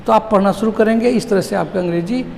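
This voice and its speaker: High, gravelly male English teacher. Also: a little mellow, long reverb tail, slight background noise. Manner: drills words slowly, syllable by syllable; asks the class questions. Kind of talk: classroom lesson.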